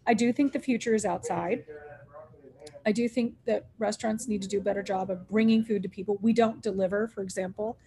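With a crowd audible behind her, a middle-aged woman who owns a restaurant tells stories in an interview at a fairly quick pace, her medium-pitched voice fairly even in intonation. She's animated, acting out quoted dialogue and laughing frequently.

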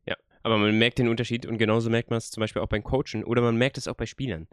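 A man's voice: medium pitch, little pitch movement, very fast, clear, resonant tone, no room sound, clean studio sound. A man hosting a casual chat, enthusiastic and colloquial as he asks his questions.

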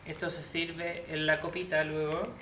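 A man's voice: a little high, little pitch movement, unhurried, noisy background. A young man with a Chilean accent hosting a casual cocktail show, explaining the recipe with crude jokes. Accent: Chilean Spanish. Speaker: host mixing cocktails.

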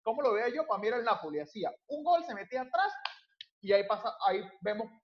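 A Venezuelan man with a high voice argues football at a breakneck pace, interrupting others and repeating himself. His sound comes through muffled and lo-fi. The talk is heated and casual. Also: fast talker. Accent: Venezuelan Spanish. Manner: excitable, interrupts, repeats phrases. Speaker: football debate panelist.

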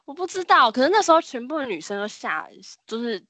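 A woman co-hosting a podcast, telling a story in casual chat and acting out the people in it with sudden loud cries. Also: high-pitched, fast talker, dry recording. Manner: animated storyteller, acts out the people she quotes with sudden shrieks.

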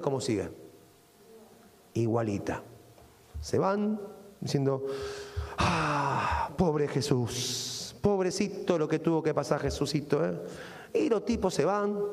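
A middle-aged man with an Argentine accent delivers a sermon in a fairly high, sharply rising and falling voice. He keeps pulling his listeners in with little rhetorical questions. A long hall reverb trails after his words. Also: darkish tone. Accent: Argentine Spanish. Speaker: pastor.

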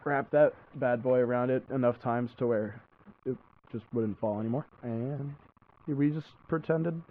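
A man's voice: medium pitch, a little slow. A young man chatting casually as a podcast guest, with slangy, informal phrasing. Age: young adult. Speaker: podcast guest, film student. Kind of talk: casual chat. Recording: muffled phone-like audio.

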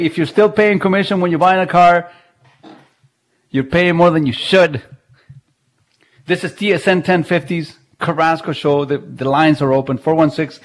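Male radio host, high-pitched, casual and jokey, broadcasting from home. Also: a bit bright. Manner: chatty, jokey, laughs often. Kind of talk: casual live radio talk. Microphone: video call.

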